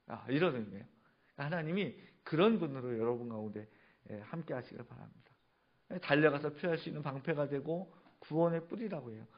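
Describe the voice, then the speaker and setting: A man's voice: mid-range voice, dull audio. A male pastor preaching a sermon, asking the congregation questions and answering them himself. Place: church sanctuary.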